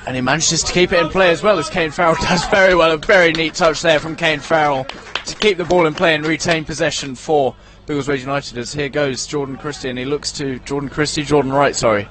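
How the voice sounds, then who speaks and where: A man's voice: on the high side, fairly even intonation, brisk, few pauses, fairly bright tone, faint music behind. A man commentating live on a football match from an outdoor ground. He talks in a chatty, running way and often corrects himself when he gets player names wrong.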